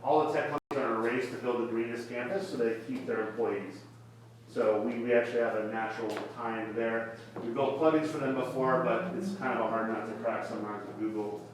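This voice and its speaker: Fast-talking man pitching in an echoey room. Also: fairly even intonation, slight background noise. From Florida. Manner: fast, salesy, persuasive. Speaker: startup founder pitching. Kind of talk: live pitch presentation. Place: event space at a tech meetup. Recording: echoey room, mic far off.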